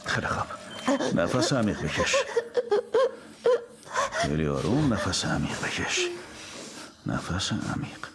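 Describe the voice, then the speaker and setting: A man acting as a caring, protective father, slowly and reassuringly soothing his frightened young son in a dubbed film drama. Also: sits low, noisy background, full character voice. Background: music.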